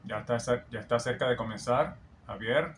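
A man's voice: medium pitch, moderate pace, over loud music. A man acting as a vocal coach, explaining singing technique in an admiring, explanatory way. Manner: admiring, explanatory, often sings snippets back. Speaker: vocal coach analyzing a singer. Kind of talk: reaction and vocal analysis commentary. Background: song playing in the background.

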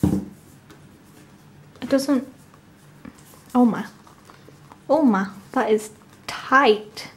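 A woman with a sore, swollen-tonsil voice from tonsillitis, chatting casually and gushing excitedly as she hosts an unboxing. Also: a little high, extremely slow, pauses often, slight background noise. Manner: gushing, enthusiastic. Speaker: unboxing video host.

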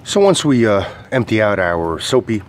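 Very animated despite his low pitch, this outdoor coach reviews gear at a normal pace. His demonstration is informal and hesitant, walking through each step like a lesson, with slight background noise.

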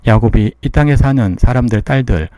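A man giving a steady, measured reading of scripture, voicing every part in his own plain voice. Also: mid-range voice, dry recording. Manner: even, measured reading of all parts without acting voices. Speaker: Bible reader.

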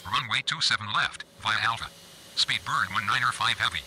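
Voicing an airline pilot in a game, a man reads back radio calls in a quick, clipped manner with a brisk mood. His lowish voice sounds pushed and bright over noisy game radio audio.

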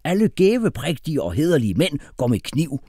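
A man voicing a furious, blustering grown man who shouts and rants. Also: a little high, sing-song, breathy edge, no echo, clean studio sound, pitched above the performer's own voice. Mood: ranting. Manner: shouting, ranting, hammering questions.

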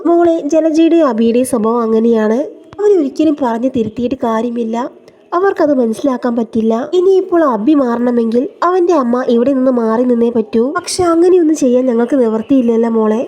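A woman voicing a gentle elderly grandfather who speaks in a soothing, reassuring way. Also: fairly high pitch, a little fast, close to an everyday voice.

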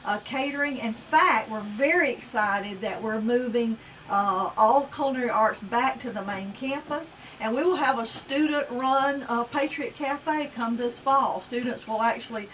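A middle-aged woman talks up her college as a guest, articulate and upbeat with a few hesitations. Her voice is a touch high, caught from a distance outdoors with faint background noise. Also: unhurried, hardly any pauses, a bit bright. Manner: articulate, promotional, with fillers. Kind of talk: casual interview chat. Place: outdoor patio set with garden.

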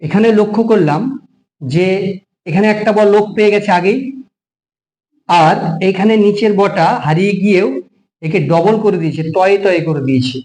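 A man's voice: high-pitched, moderate pace, pauses often, darkish tone, roomy sound, poor audio. A man teaching a grammar lesson, explaining patiently and repeating words for emphasis.

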